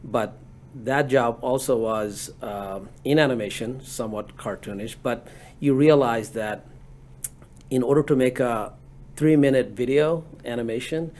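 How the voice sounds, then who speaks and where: A man from Bangladesh in his forties, answering interview questions in a relaxed, rambling way with many fillers. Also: mid-range voice, measured pace. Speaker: guest entrepreneur.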